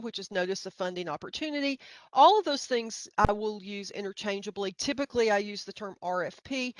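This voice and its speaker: A middle-aged woman with a Middle Tennessee accent leads an informal training session. She is folksy and a little hesitant, with a self-deprecating touch. Her voice sits at a medium pitch in a dry, echo-free recording. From Middle Tennessee, United States. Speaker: university grant budget specialist, presenter.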